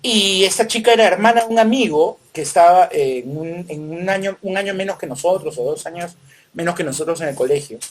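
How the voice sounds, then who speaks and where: Unhurried Peruvian father reminiscing. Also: sits high. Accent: Peruvian Spanish. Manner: warm reminiscing, unhurried, many fillers. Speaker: podcast host and father. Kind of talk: casual chat.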